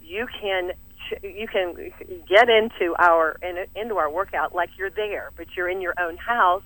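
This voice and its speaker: A middle-aged woman speaks with a Southern US drawl, lively and enthusiastic about her subject. She laughs easily and the sound is close and dry, with no room around it. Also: fairly low pitch, moderate pace, no room sound, low-quality recording. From American South. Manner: energetic, animated, laughs often. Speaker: fitness studio owner, interview guest. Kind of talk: enthusiastic interview talk.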